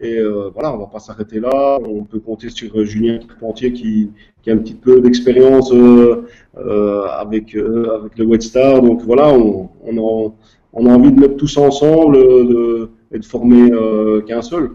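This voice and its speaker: A man's voice: medium pitch, steady tone, moderate pace, mellow, highs cut off. A man, a club official answering interview questions hesitantly, with many fillers. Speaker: guest, youth club president.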